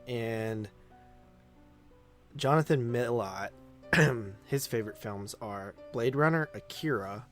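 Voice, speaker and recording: Soft background music sits under this medium-pitched, fairly bright male voice, which moves slowly with long pauses. He co-hosts a casual film review podcast, talking movies in a rambling way that often circles back.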